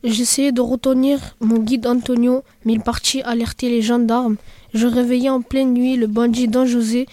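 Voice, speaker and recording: Woman, audiobook narrator, steady storytelling, mellow tone, dry close sound. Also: fairly high pitch, moderate pace, no echo.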